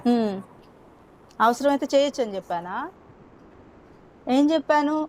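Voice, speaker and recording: A woman's voice: a little high, animated, moderate pace, mellow. A woman teacher talking patiently to young children, asking them questions and coaxing answers. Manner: mimics whiny children's talk when quoting. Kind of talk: teaching children in a live class.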